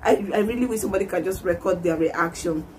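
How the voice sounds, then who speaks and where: A woman's voice: fairly low pitch, quick pace, a little mellow, slight background noise. A young woman, chatting casually and laughing often as she hosts a reaction vlog from a small indoor room. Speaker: YouTube reaction vlogger. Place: small indoor room, patterned wall backdrop.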